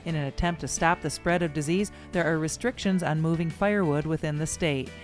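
A woman narrates a segment in an even, informative voice. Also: low-pitched, fairly quick, faint music behind. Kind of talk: scripted narration.

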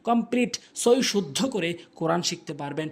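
A Quran recitation teacher giving a pronunciation lesson, repeating each Arabic letter slowly, first the wrong way and then the right way, and patiently explaining where the tongue and lips go. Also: medium pitch, animated. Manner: patient, instructive, explains tongue and lip positions.

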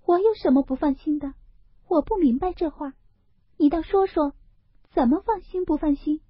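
A woman voicing a frail, sensitive young noblewoman from a classic novel, breathy and high, plaintive or quick and teasing. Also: dry recording, close to an everyday voice. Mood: teasing retort. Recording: dull, lo-fi, dry recording.

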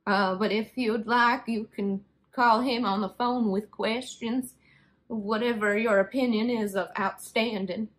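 Woman playing a sweet, slow-talking, high-voiced old lady. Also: fairly even intonation, lightly acted, poor audio. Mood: rambling, obliviously literal. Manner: sweet, rambling, obtusely literal, folksy grammar. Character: sweet, rambling, literal-minded old lady of eighty-nine. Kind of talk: prank phone call role-play. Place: small bedroom, indoors.

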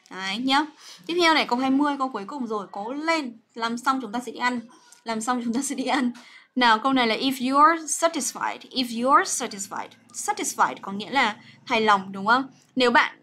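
A woman's voice: fairly high pitch, sharp tone. Chatty woman teaching English. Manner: chatty, coaxing, full of fillers and checks like "right?". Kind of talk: livestreamed grammar lesson.

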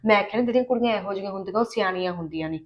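An actress playing a persuasive young daughter-in-law, speaking with a Punjabi accent. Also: female voice, mid-range voice, racing, muffled recording, lightly acted. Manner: eager, persuasive, drops to hushed tones. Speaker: young wife in a family drama. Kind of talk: Punjabi short film acting.

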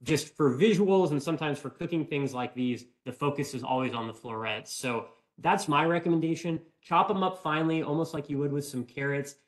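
A man's voice: on the high side, brisk, hardly any pauses. A man in his twenties giving a live cooking demonstration in a small home kitchen, chatting and answering viewer questions. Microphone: fixed camera at medium distance.

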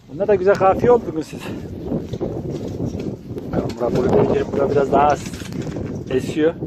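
A man with a slightly high voice chats casually to the camera while walking among his dogs in the snow. He coos at them in a lifted, sweeter tone between remarks. The recording carries clear outdoor noise and dogs around him. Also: muffled recording. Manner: chatty, talks sweetly to his dogs in a higher voice. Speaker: dog breeder showing his kennel. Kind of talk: casual vlog narration. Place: outdoors in snow at a rural kennel.

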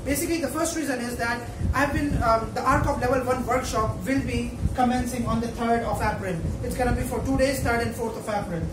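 A man's voice: extremely high pitch, steady tone, brisk, few pauses. Young guy w pakistani accent explaining stuff to camera, emphatic, echoey noisy room. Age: 20s. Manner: emphatic, repeats points, often checks with "okay". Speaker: medical student presenting an educational video. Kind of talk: informal explanatory talk to camera. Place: indoor room in front of a whiteboard. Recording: echoey room, distant mic, clear background noise.

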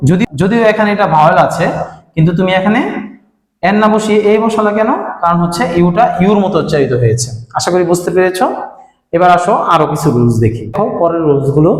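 A man teaching an English grammar lesson, explaining step by step and asking his students questions. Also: high-pitched. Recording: echoey room with long reverb.

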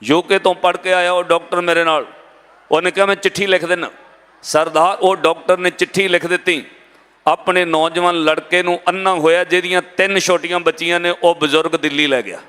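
High-voiced Punjabi preacher in a reverberant hall. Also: male voice, steady tone, a little fast, bright, forceful tone, clear, resonant tone. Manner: dramatic, addresses the congregation directly. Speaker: Sikh katha preacher. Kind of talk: sermon storytelling.

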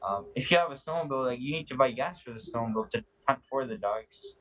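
A young man giving casual, halting answers in an interview. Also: medium pitch, lively intonation, a bit bright. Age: young adult. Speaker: interview guest, hunter. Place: large busy indoor meeting hall. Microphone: video call. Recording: muffled video call sound.

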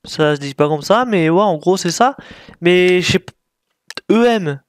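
A man talking through a game slowly, his pitch bouncing up and down as he thinks aloud. He mocks himself and apologizes a lot, in a casual, chatty way. The sound is dry and close, with no room echo. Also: expressive, smooth. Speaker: gaming YouTuber. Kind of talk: casual gameplay commentary.

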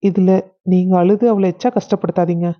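A woman voicing a calm, sensible elder son and husband with a Kongu Tamil accent, reasoning gently with his family. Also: fairly low pitch, a little fast, natural voice. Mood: soothing. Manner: soothing and reasoning. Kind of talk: family drama acting. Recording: dull lo-fi recording.

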